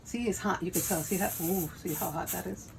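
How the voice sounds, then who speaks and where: A Puerto Rican woman in her fifties hosts a casual home cooking channel, talking fairly quickly in a lowish voice with a Puerto Rican accent. Chatty and self-deprecating, she laughs often while cooking in her kitchen amid some background noise.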